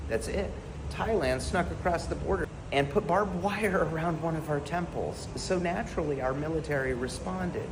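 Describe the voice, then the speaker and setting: A man from the United States giving an earnest, blunt and emphatic spoken commentary to camera. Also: medium pitch. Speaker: vlogger. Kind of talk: impassioned direct-to-camera commentary. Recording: background noise clearly audible.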